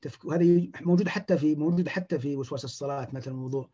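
A man, a clinician giving a lecture, talking in an animated way and acting out the words of patients. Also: on the high side, very fast, husky, lo-fi sound.

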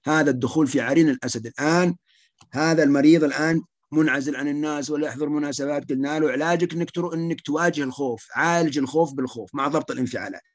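A man lectures on treating social anxiety, pressing each point by repeating it. He speaks very quickly in a slightly higher voice than most men. The sound is dry and close, with no room echo. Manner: rapid, emphatic, repeats key points. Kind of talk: lecture with slides.

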